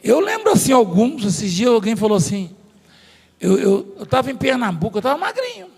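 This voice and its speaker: A man's voice: high voice, sing-song, moderate pace, vocal fry, darkish tone, slightly rough. A man preaching a sermon in a large church hall, telling stories and joking with the congregation and staff. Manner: storytelling, jokes with the congregation and staff. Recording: long hall reverb, faint music.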